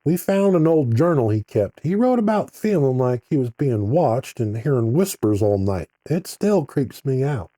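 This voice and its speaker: A man's voice: mid-range voice, very animated, moderate pace, few pauses, mellow, dry recording, natural voice. A man playing a caller from Charleston, telling a family story in a plain, earnest way.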